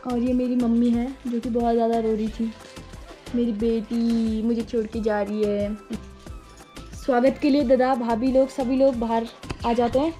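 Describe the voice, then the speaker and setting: A woman's voice: on the high side, dark tone. A young woman from the Uttarakhand hills, chatting playfully and teasingly as she narrates her wedding photos. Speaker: vlogger, bride. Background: faint background music.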